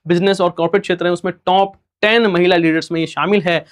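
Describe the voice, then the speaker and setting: High-voiced man teaching a quiz class. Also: fairly even intonation. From India. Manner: rhetorical questions and repeated answers, student-style replies; fast-talking. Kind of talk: recorded exam-prep lecture.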